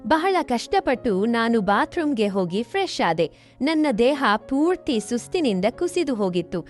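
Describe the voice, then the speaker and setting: A woman storyteller reading a scripted first-person family story in a steady storytelling delivery, with faint music behind. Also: fairly high pitch, a little slow.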